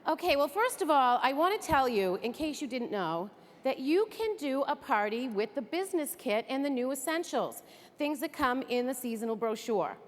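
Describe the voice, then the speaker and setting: A Greater Boston woman gives an upbeat, chatty training talk on stage, her high voice sing-song at a moderate pace. The enthusiastic presentation echoes around the hall.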